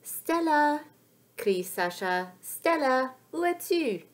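A woman reading a storybook aloud, voicing a curious, easily worried small child who keeps asking high, anxious questions. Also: animated, slow, a little mellow, a little hiss or hum. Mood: eager.

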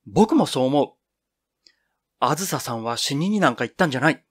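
A man's voice: mid-range voice, lively intonation, moderate pace, a bit bright, husky. A man reading the part of an eager, boyish young woman in a storybook reading. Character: eager young woman nicknamed Yuki-bouya.

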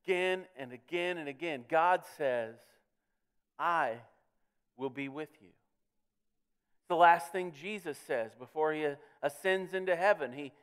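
Man, pastor, sermon, higher voice, smooth and resonant, repeats words as he presses a point. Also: fairly bright tone. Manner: earnest preaching with frequent word repeats, swelling on key words. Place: church sanctuary.

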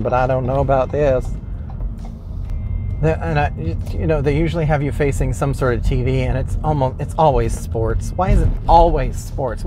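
A man hosting his own vlog, complaining in a rambling, self-mocking way with many restarts while driving his car. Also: medium pitch. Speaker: vlog host. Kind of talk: casual comedic rant.

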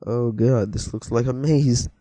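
Speaking a little slowly with a steady tone, this teen has a mellow, medium-pitched voice as he rambles casually while gaming. He gets spooked easily and jokes with his viewers, with no room sound on the track.

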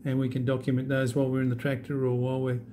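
A man walking through an app demo in a relaxed, halting way with many fillers. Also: mid-range voice, slight background noise. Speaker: app demonstrator. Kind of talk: unscripted screen demo walkthrough.

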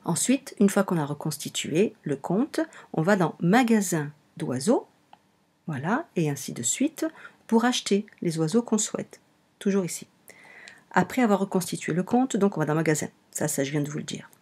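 Her voice sits on the low side, darkish and slightly rough, yet she sounds animated and keeps a moderate pace. This French-accented presenter gives a casual screen-recorded walkthrough of a browser game, explaining each step and frequently repeating or correcting herself.

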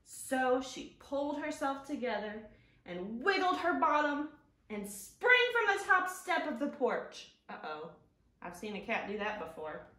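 This is a storytime host, a woman in her thirties and a children's librarian, reading to young children in her living room with a high voice. She speaks expressively in plain, drawn-out phrases meant for kids. Recorded on a camera a few feet away, the sound is roomy.

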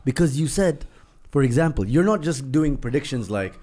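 A man hosting a casual football podcast, teasing his friends with animated, laughing banter. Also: mid-range voice, moderate pace. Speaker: podcast host.

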